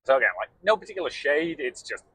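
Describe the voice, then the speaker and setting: A man co-hosting a podcast, relaxed and rambling in casual chat. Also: a little high, fast talker, husky, no room sound, rough recording. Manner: relaxed, rambling with fillers like "um" and "you know". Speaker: podcast co-host.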